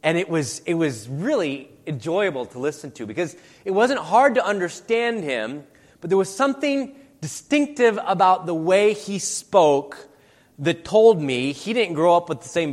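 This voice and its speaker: A preacher delivers a conversational sermon, putting plenty of rhetorical questions to his listeners. His voice is fairly high with lively intonation and a measured pace, and the recording carries a long hall reverb.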